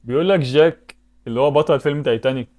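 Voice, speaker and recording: Egyptian gaming YouTuber, male, rapid-fire talk, medium pitch, thinks aloud and exclaims. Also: darkish tone. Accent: Egyptian Arabic. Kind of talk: casual commentary while playing web games.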